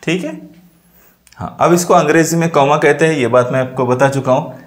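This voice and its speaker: A man teaching a grammar lesson, explaining slowly and checking often that students follow. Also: on the high side. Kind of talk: classroom lesson.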